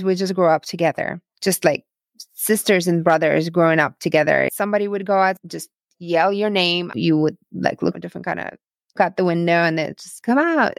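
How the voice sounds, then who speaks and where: In a clean studio recording with no room sound, a young woman from Ukraine speaks English with a Ukrainian accent; Russian is her first language. Her voice sits on the low side and is creaky as she earnestly reminisces in simple non-native wording, giving personal testimony as an interview guest.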